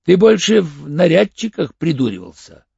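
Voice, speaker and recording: A tough male ex-convict, read by a man speaks in short, blunt phrases with a gravelly, husky edge. The audiobook sound is dull and dry, with a lively rise and fall to the lines. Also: fairly high pitch, normal speed, no echo, pitched above the performer's own voice, full character voice. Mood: hard, curt. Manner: blunt, clipped, threatening. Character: tough hardened male ex-convict, curt and cool.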